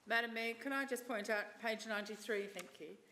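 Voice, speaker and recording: A woman's voice: a little high, fairly quick, bright, forceful tone, slight background noise. A woman council officer pointing out papers and giving ballot instructions, hesitant and searching as she talks. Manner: hesitant, searching through pages with fillers. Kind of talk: formal council meeting procedure. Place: council chamber.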